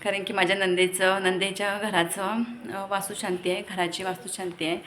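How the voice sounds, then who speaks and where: A young mother from Maharashtra talks to her viewers on a phone camera at home, breaking off to scold her kids. Her voice is bright and clear, with a faint hum of room noise behind it. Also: medium pitch, level tone, a little fast. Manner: chatty, scolding her kids between asides. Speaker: vlogger and mother of two. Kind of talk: casual family vlog chat to viewers. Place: home with a gallery.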